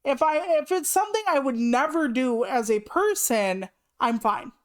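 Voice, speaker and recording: A woman's voice: high voice, animated, normal speed. A woman in her late thirties chatting casually on a live stream, rambling through asides and swearing freely. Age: 30s. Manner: rambling asides with many "like" fillers.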